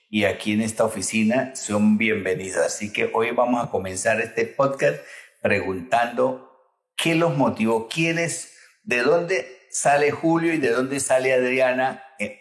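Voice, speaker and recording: A man hosting a podcast in his office opens the show and introduces his guests. His voice sits a little low. The room echoes, and faint music plays underneath. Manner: welcoming, with short affirmations. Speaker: podcast host. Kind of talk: interview hosting.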